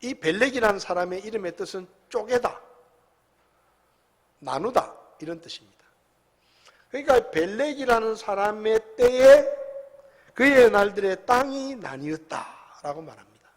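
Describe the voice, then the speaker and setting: A male pastor delivers a Sunday sermon in a high, bright-toned voice. He speaks in a conversational way, swinging from loud bursts to quiet asides. His words carry a long reverb through the church sanctuary. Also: measured pace, pauses often. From South Korea. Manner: conversational preaching with lively swings in loudness.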